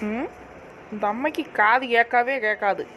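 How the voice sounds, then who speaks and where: A woman doing a cheeky high-voiced cartoon girl. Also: unhurried, a bit bright, a little hiss or hum. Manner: teasing, whiny. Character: cheeky mischievous young girl. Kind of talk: cartoon dialogue.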